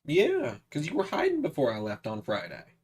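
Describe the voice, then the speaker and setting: A man's voice: medium pitch, wildly swooping pitch, moderate pace, a little mellow, slightly rough. A man in his twenties chatting casually on a livestream, talking to his cat in a coaxing sing-song voice. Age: 20s. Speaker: streamer.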